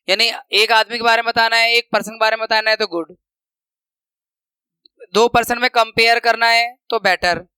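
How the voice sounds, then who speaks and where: A man teaching a grammar lesson, patiently explaining slides and slowly repeating example words. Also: very high-pitched, bright, forceful tone, clear, resonant tone, dry recording, poor audio.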